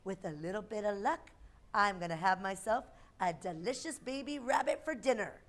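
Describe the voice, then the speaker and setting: A woman's voice: medium pitch, moderate pace, close to an everyday voice. Woman playing a sly, hungry storybook fox. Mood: sly, gloating. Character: sly hungry male fox, scheming for dinner. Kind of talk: children's storybook read-aloud.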